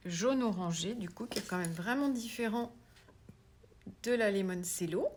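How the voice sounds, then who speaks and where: A woman's voice: medium pitch, moderate pace, a little hiss or hum. Chatty woman demonstrating a craft. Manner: chatty, drops to soft whispered asides while working; self-mocking, laughs at her own English pronunciation. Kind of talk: casual tutorial demonstration.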